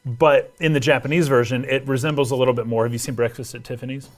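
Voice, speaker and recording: A man talking casually about a video game, animated and quick to laugh. He wanders into digressions and side stories in a middle-pitched voice. Faint music plays underneath. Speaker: co-host discussing a video game. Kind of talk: casual chat.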